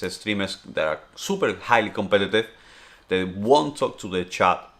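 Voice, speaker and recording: A Spanish man in his thirties, from Spain, chats loosely through a streamer's casual Q&A in a deep, low voice with a Spanish accent and a fairly bright tone. He rambles and circles back, peppering his talk with "obviously" and "you know."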